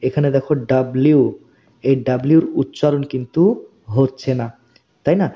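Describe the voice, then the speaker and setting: A man teaching spoken English as a lesson, slowly repeating each phrase and explaining it word by word. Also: medium pitch, steady tone. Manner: slow, deliberate repetition of phrases with word-by-word explanation. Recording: dull, lo-fi recording.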